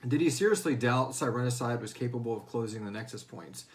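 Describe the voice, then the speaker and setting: Crowd noise fills the background as a medium-pitched man speaks at a quick pace. He's hosting an informal question-and-answer session as writer of a serialized audio fiction series, occasionally slipping into performed dialogue.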